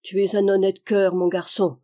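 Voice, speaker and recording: A woman's voice: medium pitch, level tone, normal speed, warm tone, lightly acted. Woman reading as a frank army captain. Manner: frank, cheerful.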